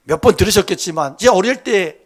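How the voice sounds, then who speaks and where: High-voiced Korean pastor preaching. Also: male voice, expressive, a little fast. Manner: swings from quiet asides to loud emphatic exhortation. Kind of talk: sermon. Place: church.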